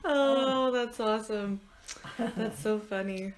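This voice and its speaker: A woman's voice: a little high, slow, crowd noise. A woman chatting casually as she listens and reacts to a storyteller. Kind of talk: casual chat.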